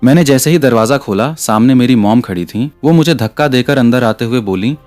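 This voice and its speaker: Man narrating a story over soft music. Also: medium pitch, brisk. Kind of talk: first-person story narration.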